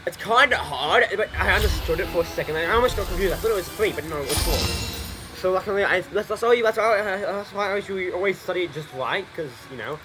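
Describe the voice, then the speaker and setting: A young streamer with a high, animated voice talks quickly and casually about his gameplay. His commentary rambles, includes swearing and repeats itself, with game music in the background.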